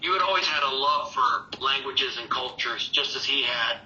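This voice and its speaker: Bright voice-changer man, echoey and muffled. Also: mid-range voice, normal speed, recorded from a distance, a little hiss or hum. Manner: reads lines aloud like narrating a book. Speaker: caller.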